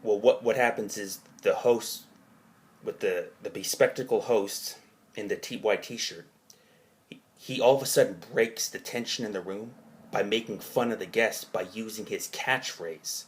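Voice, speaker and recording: A man recounting his own dream in a rambling, halting way, hazy and puzzled as he gropes for details and rephrases himself. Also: fairly low pitch. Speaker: narrator of own dream journal.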